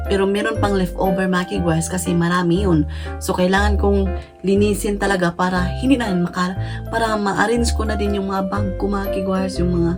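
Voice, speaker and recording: Woman vlogger from the Philippines, casual home chat, playful and giggly, music underneath. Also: medium pitch. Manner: playful, laughs often, mixes languages. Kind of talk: casual vlog chat to viewers. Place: home in Japan.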